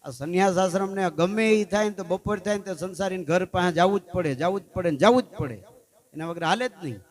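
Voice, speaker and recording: A man with a high voice, talking a little fast, tells folk stories with sung verses at a festival gathering. As he goes, he keeps asking his audience "hey?"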